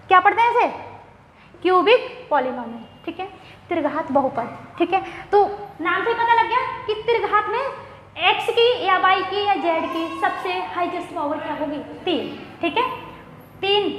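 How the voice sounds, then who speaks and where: A woman's voice: very high voice, expressive, measured pace, pauses often, fairly bright tone. A woman teaching a maths lesson who asks questions, answers them herself and repeats key terms. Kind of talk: classroom lecture. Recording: echoey room with faint noise.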